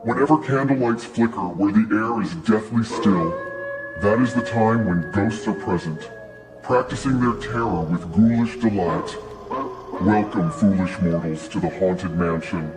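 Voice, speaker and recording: A performer using a voice changer to sound like a ghostly male mansion host, narrating slowly and ominously. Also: music in the background, low-quality recording. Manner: slow, ominous storybook narration. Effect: voice changer lowering the voice.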